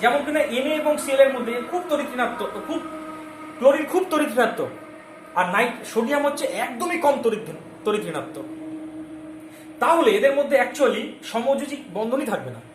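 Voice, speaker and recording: A male chemistry teacher giving a lesson, constantly quizzing his students and repeating key terms slowly so they stick. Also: extremely high pitch, lively intonation, background noise. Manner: keeps asking the class questions and checking they follow. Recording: echoey room with faint ambience.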